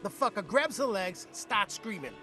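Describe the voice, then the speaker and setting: An actor playing a crude, excitable male dockworker in a video game. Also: sits high, normal speed, faint music behind, exaggerated voice. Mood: agitated. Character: agitated male dockworker barfly storyteller.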